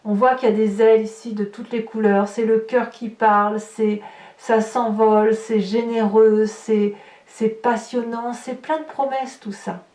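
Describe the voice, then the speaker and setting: A woman with a fairly high, darkish voice speaks flatly at a measured pace, giving an improvised tarot reading directly to viewers. As a tarot reader and horoscope host, she explains while she goes and hunts aloud for words, recorded on a distant mic with roomy echo.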